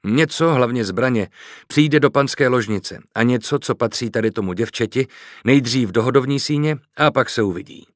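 A man's voice: medium pitch, dry recording, clean studio sound, natural voice. A man voicing a plain-spoken mustached guard captain in an audiobook, matter-of-fact.

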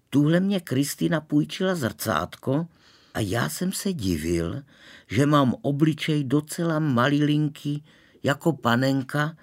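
A man reading a storybook aloud as its first-person narrator, with animated, lively storytelling. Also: mid-range voice.

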